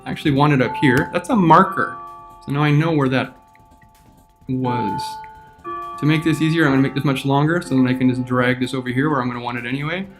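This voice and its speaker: A man teaching a screen-recorded software tutorial, talking through each step as he clicks. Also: medium pitch, fairly even intonation, fast talker, over music.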